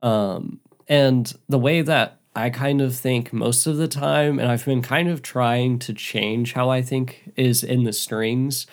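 A man's voice: mid-range voice, fairly even intonation, takes it slowly, few pauses. A man co-hosting a casual book podcast, thinking aloud earnestly in long winding sentences. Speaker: podcast co-host.

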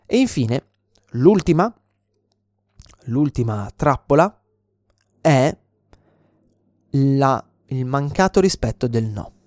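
A man's voice: medium pitch, a little mellow, no echo, clean studio sound. A man teaching a self-defense lesson in an earnest explanatory way, often restarting and checking in with "ok?". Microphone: close mic.

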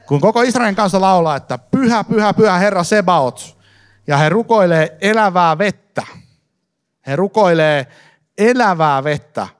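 Man preaching, high voice, lively, church congregation, speaks to the crowd directly. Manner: lively, fillers and restarts, addresses congregation directly. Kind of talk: live sermon teaching.

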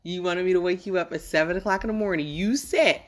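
A woman's voice: fairly low pitch, quick pace, slight background noise. A woman in her thirties, a mother hosting a parenting video, chatting casually and playfully, teasing and laughing often. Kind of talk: casual family chat.

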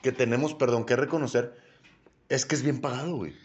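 A man's voice: medium pitch, fairly even intonation, fairly quick, lo-fi sound. A man, an easygoing call center trainer in a casual chat. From Chihuahua, Mexico.

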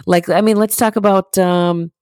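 A woman's voice: mid-range voice, steady tone, moderate pace, darkish tone, dry recording, clean studio sound. A young woman co-hosting a podcast, chatting casually and rambling through a story with loose, profane asides. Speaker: podcast co-host. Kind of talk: casual chat.

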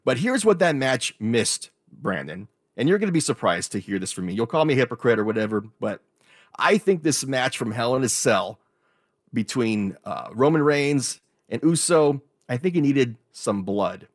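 Male sports radio co-host, conversational and opinionated, average pitch, repeats points for emphasis. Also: sing-song, moderate pace, no echo, clean studio sound. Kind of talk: casual opinionated sports chat.

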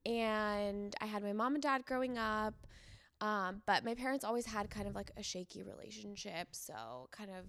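A woman's voice: mid-range voice, a bit bright. A woman from San Diego, a guest on a podcast, telling her story openly in a casual chat. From San Diego, USA. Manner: open, storytelling, quick bursts. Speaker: podcast guest, content creator.

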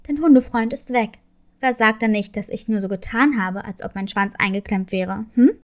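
A woman voicing a grumpy, suspicious male wolf in a children's story, speaking gruffly and loudly. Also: mid-range voice, normal speed, pitched below the performer's own voice, close to an everyday voice. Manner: gruff, growling, gets loud. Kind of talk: storybook reading.

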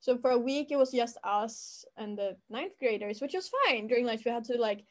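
A student with a fairly high voice relaxes into a casual chat, recounting school life in a meandering, rambling story. She links her sentences with constant fillers and quick restarts.

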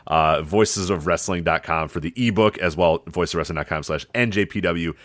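A man's voice: sits low, moderate pace, a bit bright, no room sound. A man co-hosting a podcast in casual banter, with an offhand, informal and sometimes sweary manner. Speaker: podcast co-host.

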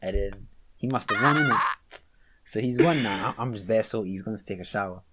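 A young man with a London accent talks casually in a fairly low-pitched voice. His storytelling is animated and packed with slang, as in a relaxed chat between friends. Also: fairly quick. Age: young adult.

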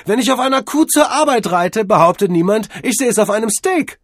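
A man voicing a brash young man who loudly bullies a butler, sarcastic and overbearing. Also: medium pitch, very animated, moderate pace, breathy edge, no echo, clean studio sound, pitched above the performer's own voice. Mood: mocking.

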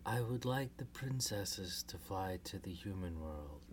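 A woman doing Selena, soft-spoken fairy queen. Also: rumbling low, expressive, measured pace, slight background noise, pitched below the performer's own voice. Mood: tender. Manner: soft, comforting, near-whispered. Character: gentle fairy queen and mother, regal.

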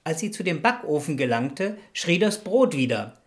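A woman narrating a fairytale radio play in a measured storytelling manner. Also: low-pitched, sing-song.

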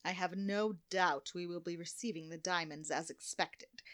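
A woman plays a cool, scheming villain mastermind in a comic radio play. She speaks in clipped, menacing tones in a fairly low voice. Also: fairly even intonation, normal speed, a bit bright, close to an everyday voice. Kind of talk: comic old-time radio play acting.

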